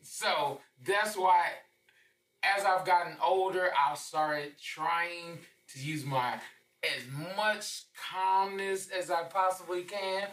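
A man co-hosting a podcast who describes himself as always loud, telling a story in casual chat. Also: sits high, fairly even intonation, takes it slowly. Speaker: podcast co-host. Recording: roomy, distant from mic.

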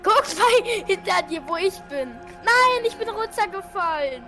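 A woman co-hosting a casual gaming chat, excitable and playful. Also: extremely high pitch, measured pace, faint music behind.

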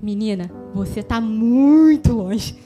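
A man's voice: very high voice, lively intonation, quick pace, faint music behind. A woman voicing a surprised male bus driver, quoted casually in a personal story. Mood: startled.

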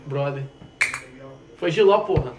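A man's voice: on the high side, measured pace, muffled recording. A man hosting a casual podcast, joking and swearing with friends. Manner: jokey, swearing banter. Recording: roomy, from a distance, noisy group.

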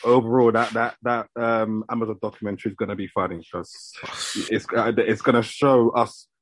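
A man's voice: on the low side, level tone, moderate pace, no echo. A young man with an urban London roadman accent giving opinions in casual, slangy podcast talk. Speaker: football podcast panellist. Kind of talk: casual chat.

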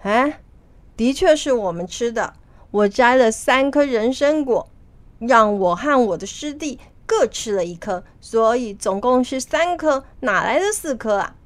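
A woman voicing a proud, boastful male monkey king who gives loud commands. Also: fairly high pitch, animated, unhurried, dry recording.

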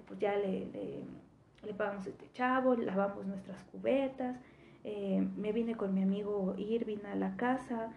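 A young woman with a Mexican accent tells her story in a relaxed, chatty way, her voice a bit raised in pitch with a gravelly edge. She sounds worn out and sometimes sinks to a soft near-whisper. The recording is roomy, with faint background ambience. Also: a little hiss or hum. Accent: Mexican Spanish. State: tired. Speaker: podcast host. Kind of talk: casual personal storytelling. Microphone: voice message recording. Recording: echoey room with faint ambience.

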